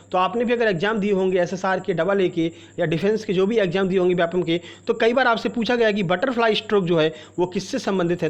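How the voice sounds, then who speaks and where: High-voiced man teaching quiz questions. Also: dull audio. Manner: explanatory, repeats questions and options, addresses viewer directly. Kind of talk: exam-prep quiz lesson.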